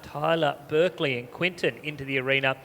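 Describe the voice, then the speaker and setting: A man's voice: fairly high pitch, fairly even intonation, a little fast, fairly bright tone. A man announcing live sport in an arena, giving informative competitor profiles over the public address. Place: large show arena over loudspeakers. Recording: reverberant stadium PA with background noise.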